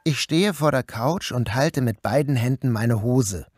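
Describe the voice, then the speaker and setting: Recorded at studio quality with no echo, a man's medium-pitched, slightly mellow voice moves at a measured pace, only lightly acted. He plays a troubled man narrating his dreamlike ordeal in the first person for a radio play. The tone is grave and intense.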